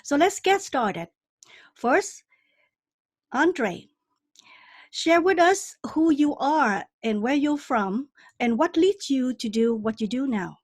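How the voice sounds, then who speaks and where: A woman's voice: sits high, expressive, no echo. Enthusiastic woman podcast host, dry sound. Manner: enthusiastic, halting with restarts. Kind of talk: interview hosting.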